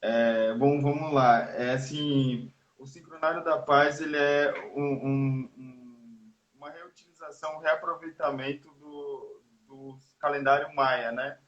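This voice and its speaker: A man talks from well away from his phone on a video call, so his voice comes through faint and distant. He explains slowly and hesitantly, with frequent pauses and fillers. The call audio is dull and lo-fi. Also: mid-range voice, steady tone. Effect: quiet, distant voice far from the phone mic. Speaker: guest explaining a topic. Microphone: device mic before switching to a headset.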